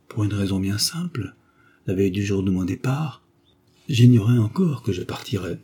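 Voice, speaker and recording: A man's voice: lowish voice, animated, normal speed, warm tone, slightly rough. A man reading a grave, earnest viscount. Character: calm, earnest male viscount, loyal friend.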